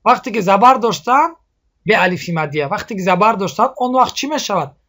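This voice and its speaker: A man with a Tajik accent teaching Quran recitation, drilling example syllables slowly and often asking his students if they see. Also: high-pitched, lively intonation, pushed and bright. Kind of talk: explaining a lesson on vowel sounds.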